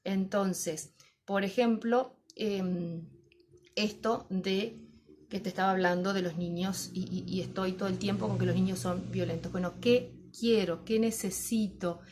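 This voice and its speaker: A woman's voice: medium pitch, fairly even intonation, measured pace, a little mellow, slight background noise. A middle-aged woman talks to fellow teachers in a loose, thoughtful way. She keeps posing questions to herself and answering them as she guides her listeners. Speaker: teacher trainer.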